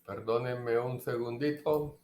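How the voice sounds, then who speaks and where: A man preaching a sermon slowly and emphatically, repeating key phrases. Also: mid-range voice, steady tone, a little mellow, roomy sound.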